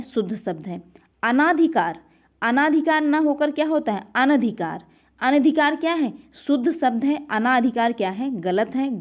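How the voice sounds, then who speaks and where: Lady teacher with a high voice running a grammar revision, asks a question then answers it herself and says it again. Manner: drops in English words like next and pronunciation. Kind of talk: revision lesson.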